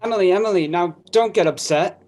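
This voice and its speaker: A young woman plays a kind, steady father, soothing and reassuring. The voice sits fairly low for her, in an amateur school reading. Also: a little fast, lightly acted. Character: gentle middle-aged father calming daughter.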